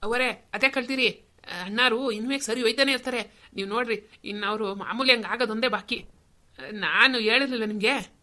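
Lady doing a humble village healer guy in a cartoon, earnest and respectful, a bit high. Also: a little fast, pushed and bright. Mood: reassuring. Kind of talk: cartoon voice acting.

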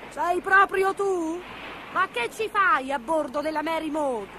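Woman doing a sea witch, high and shrill, coaxing, cruel, storybook. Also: a little slow, bright, forceful tone, a little hiss or hum, exaggerated voice. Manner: coaxing, then shrill and furious. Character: scheming sea witch on a broom, female, wheedling and cruel. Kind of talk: storybook reading.

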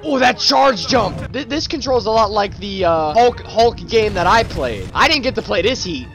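A man doing casual, slangy gaming commentary as a loud, excitable frat bro, whooping and exclaiming, his voice strained from yelling. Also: high voice, normal speed. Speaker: let's play streamer. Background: game music and sound.

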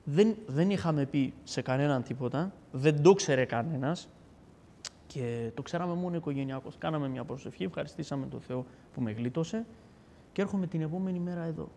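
Guy telling his testimony, acts out all the dialogue, kinda high voice, long reverb like a big hall. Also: gravelly, slight background noise. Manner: animated storyteller who acts out dialogue. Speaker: guest giving a testimony. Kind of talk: casual storytelling testimony.

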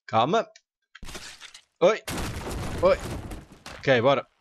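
A young man with a European Portuguese accent, commentating a game excitedly, laughing and swearing often. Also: fairly high pitch, extremely slow, a little hiss or hum. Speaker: gaming YouTuber. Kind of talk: let's play commentary.

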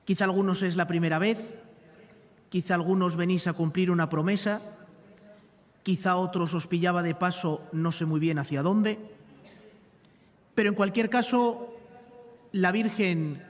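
High-pitched priest, long echo. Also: male voice, steady tone, a little slow, long pauses. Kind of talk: homily. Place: large open chapel, lectern microphone. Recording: long reverberant chapel echo.

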